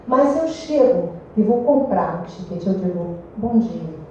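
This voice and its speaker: A woman with a Brazilian Portuguese accent giving a lively spiritual talk to a meeting group, questioning her listeners. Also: mid-range voice, normal speed, slight background noise. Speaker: speaker at a spiritist study meeting. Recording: echoey room, distant dull mic.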